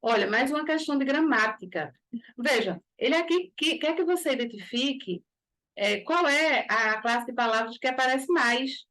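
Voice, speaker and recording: A woman with a Brazilian Portuguese accent teaches an exam-prep grammar lesson, her voice sitting a little high. She explains each point step by step and keeps checking in with quick tag questions to the class. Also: expressive, fairly bright tone.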